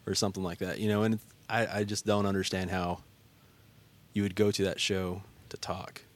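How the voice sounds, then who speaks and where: A man with a very deep voice, speaking in casual conversation. He tells his stories earnestly and leans on frequent fillers as he goes. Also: level tone, normal speed. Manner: storytelling, filler-heavy, earnest. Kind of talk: casual chat.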